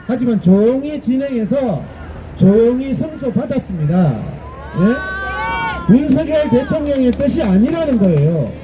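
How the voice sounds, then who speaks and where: A man giving an impassioned political speech to a gathered audience, combative and rhetorical, rising to shouts. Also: very high voice, a little hiss or hum, poor audio. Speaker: political rally speaker. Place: public gathering with a live audience.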